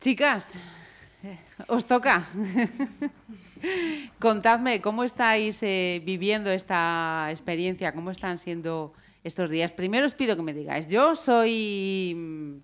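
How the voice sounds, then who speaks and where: A woman's voice: mid-range voice, slow pace, a bit bright. Encouraging woman radio host. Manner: encouraging, laughs often. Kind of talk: friendly interview.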